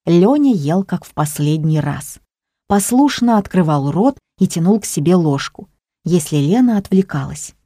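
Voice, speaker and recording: A woman reading an audiobook in an even, matter-of-fact manner. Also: on the low side, moderate pace, no echo, clean studio sound. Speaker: audiobook narrator. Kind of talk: scripted narration.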